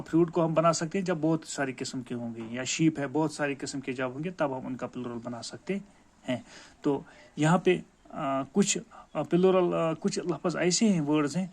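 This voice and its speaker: A man's voice: fairly high pitch, darkish tone. A male school teacher with a Kashmiri accent gives a grammar lesson, explaining patiently and calling his pupils dear children.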